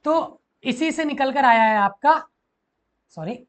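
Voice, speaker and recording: A man with a very high voice and lively intonation teaches physics to school students slowly, mixing Hindi and English. He repeats key phrases and keeps asking the class questions.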